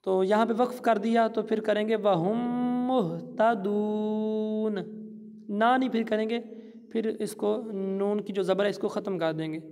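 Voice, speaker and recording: A man teaching Quran reading, spelling out syllables slowly and stretching the recited words. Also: high voice, fairly even intonation, creaky, darkish tone, in a large hall. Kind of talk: slow letter-by-letter Quran recitation lesson.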